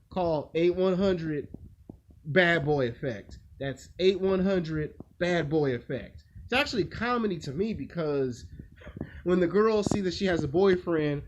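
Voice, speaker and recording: A video host with a fairly high, slightly mellow voice tells a crude, rambling story in a blunt, casual monologue, acting out the quoted lines. The recording has a dull lo-fi quality with faint noise.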